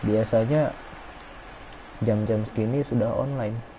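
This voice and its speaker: A man's voice: fairly low pitch, steady tone, slow pace, warm tone. A man streaming a football video game, reacting to plays and chatting with viewers as he reads comments. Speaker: gaming streamer. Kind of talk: casual live game commentary. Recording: dull lo-fi stream audio, faint noise.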